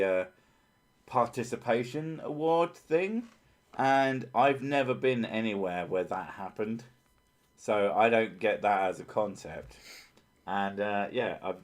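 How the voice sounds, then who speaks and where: A man's voice: fairly low pitch, a little slow. A British man who sometimes drops his T's into glottal stops, chatting casually with sweary, sardonic banter. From Britain. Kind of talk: casual joking chat.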